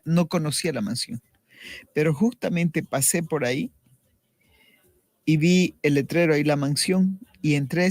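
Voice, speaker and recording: A woman's voice: sits low, darkish tone, dry recording. A middle-aged woman giving a personal faith testimony as a radio interview guest, earnest and reflective, often restarting her sentences.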